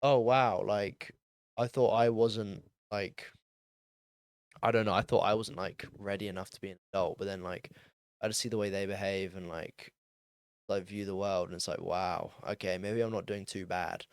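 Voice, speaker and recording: A man's voice: low voice, steady tone, normal speed, smooth, no room sound, clean studio sound. A young man in his late teens hosting a solo podcast, rambling in a casual, self-deprecating way with lots of ums and likes. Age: young adult, turning twenty. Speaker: podcast host.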